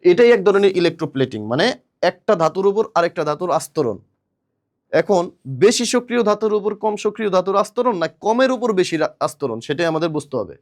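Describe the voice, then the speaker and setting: A man's voice: high voice, lively intonation, quick pace. A man teaching chemistry, asking his students questions and then answering them himself. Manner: chants a mnemonic rhyme in a sing-song voice. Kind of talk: classroom lecture.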